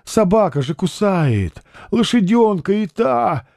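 A man's voice: high-pitched, very animated, slow pace, gravelly, a little mellow, no room sound, clean studio sound, voice pushed up, heavily acted. A man doing a desperate young peasant woman. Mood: pleading. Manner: pleading, tearful.

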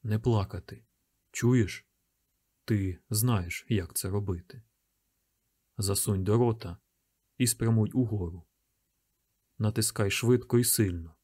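A man voicing a desperate father hiding with his son, speaking in a hushed, urgent whisper. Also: lowish voice, slightly rough.

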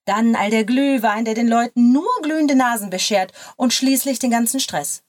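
Grumpy excitable lady lawyer as a woman reads her out, goes higher and louder, storybook reading. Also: moderate pace, natural voice. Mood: exasperated. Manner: exclaiming, higher and louder than the narration.

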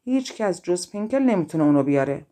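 A woman's voice: lowish voice, big pitch swings, dark tone. A woman reading an audiobook and voicing jealous young brothers who speak in a sly, mocking way. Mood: scheming.

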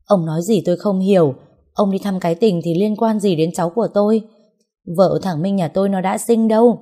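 A woman's voice: medium pitch, a little fast, warm tone, lightly acted. A woman reading the lines of a worried, tearful older mother in a storybook tale. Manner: pleading, tearful. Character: worried old village mother.

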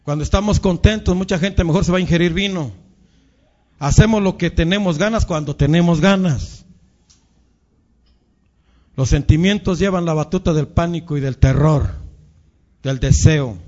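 A man's voice: a little high, moderate pace, long pauses, a little mellow. A man preaching a sermon and praying, fervent, often calling the listeners brothers. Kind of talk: sermon and prayer. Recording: dull lo-fi recording.

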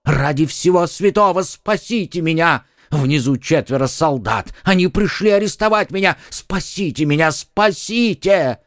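A man's voice: a little high, lively intonation, a little slow, few pauses, dry recording, clean studio sound, voice pushed up. A man voicing a terrified middle-aged shopkeeper in an audiobook, wailing and pleading for help. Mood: panicked.

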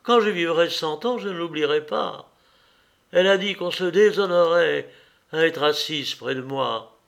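Man reading anguished young noblewoman, higher pitched, slow, loud and tearful. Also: gravelly. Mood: despairing. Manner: raised, pleading and tearful. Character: distraught young noblewoman, passionate and reproachful. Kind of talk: audiobook character reading.

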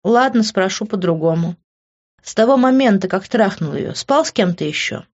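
A woman's voice: mid-range voice, animated, normal speed, a little mellow, highs cut off, voice pushed up, natural voice. A woman voicing a blunt, sarcastic young woman who bosses and mocks her friend. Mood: mocking. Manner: mocking, bossy.

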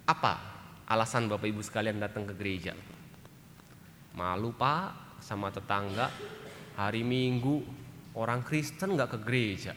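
A man preaching a sermon to a congregation, telling a story with lively shifts and acting out the voices of the people in it. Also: fairly low pitch, measured pace, pauses often, slight background noise. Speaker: pastor. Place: church sanctuary. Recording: church hall reverb with faint ambience.

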